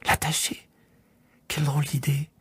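A man voicing a gentle, curious little boy prince from a tiny planet in an audiobook, asking earnest, wondering questions in a husky, breathy voice. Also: mid-range voice, expressive, normal speed, no echo, pitched above the performer's own voice, exaggerated voice. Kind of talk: audiobook character voice.

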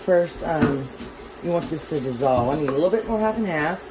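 A Southern woman with a fairly low voice talks her viewers through a home-cooked meal in a loose, rambling way and pokes fun at her own cooking. She is recorded in a home kitchen, with a loud fan humming steadily behind her. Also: lively intonation, a little fast, noisy background. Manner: chatty, rambling, self-deprecating. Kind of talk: casual cooking demonstration. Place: home kitchen, overhead camera on the stove.

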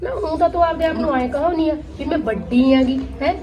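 A woman playing a lazy, sharp-tongued young daughter-in-law who answers back defiantly in an amateur family skit. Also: high voice, quick pace, highs cut off, slight background noise, lightly acted. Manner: mocking, defiant retorts.

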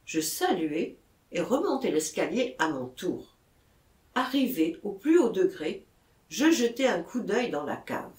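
A woman narrating an audiobook with expressive, theatrical storytelling. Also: medium pitch, measured pace. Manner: expressive storytelling, lively intonation. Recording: echoey room.

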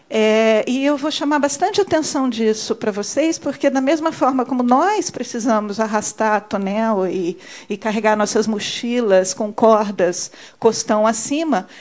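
A woman, giving a measured conference talk on a handheld microphone, with many fillers as she points at her slides. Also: fairly high pitch, darkish tone. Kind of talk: conference presentation. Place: conference room. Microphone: handheld mic.

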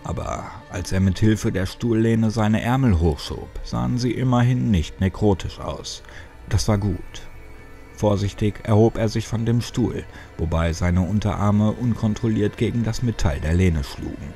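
A man narrating a horror story in an expressive, dramatic storytelling style. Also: fairly low pitch, unhurried, faint music behind. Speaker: audiobook narrator.

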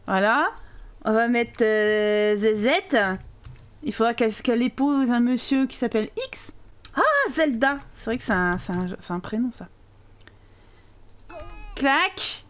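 High-voiced excitable woman gamer. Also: measured pace, pauses often. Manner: excitable, swears and yells at the game, laughs often. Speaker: gaming channel host. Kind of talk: let's play commentary.

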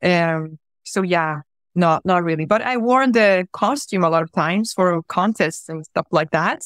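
Low-voiced woman guest on a video call. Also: a little slow, a bit bright, no room sound, studio quality. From Croatia, raised in Sweden. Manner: friendly, easygoing, many fillers. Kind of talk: casual interview. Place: room at home, indoors.

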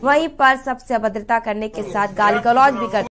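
A woman's voice: on the high side, moderate pace, crowd noise. A young woman anchoring breaking news in a television bulletin, repeating her phrases as she presents. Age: young adult. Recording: studio voice over news music.

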